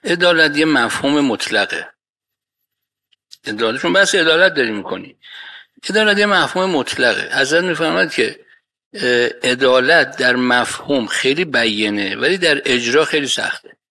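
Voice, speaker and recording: A man, an expert in Islamic economics, explaining his views in a lively discussion, arguing with everyday examples and quoted Arabic verses. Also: mid-range voice.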